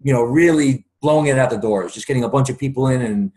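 A man's voice: mid-range voice, fast talker, a little mellow. An earnest, talkative man in his forties tells his story as a guest. He speaks through a webcam from a room at home. The tone is casual conversation. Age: 40s. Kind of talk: casual video call chat. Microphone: video call webcam.

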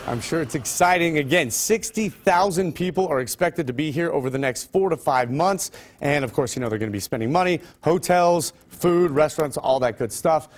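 A man's voice: a little high, animated, moderate pace. A male news anchor reading local stories with loose, conversational ad-libs. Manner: loose and conversational between scripted items. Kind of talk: news reading with ad-libbed asides.

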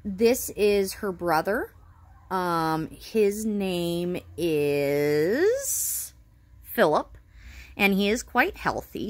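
Woman, slightly wheezy, recovering from a chest illness, lowish pitch, dry close sound, casual home vlog narration. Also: no echo. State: getting over pneumonia, with a cough. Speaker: home vlogger. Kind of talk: casual narration of a pet tour. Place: indoors at home.

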